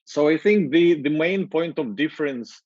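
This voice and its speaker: A man's voice: fairly high pitch, normal speed, no room sound, highs cut off. Ukrainian-accented man on a video call. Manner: energetic, gestures while talking, many fillers. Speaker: marketing executive guest. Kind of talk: casual interview talk. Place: office with glass walls, indoors. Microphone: wireless earbuds on video call.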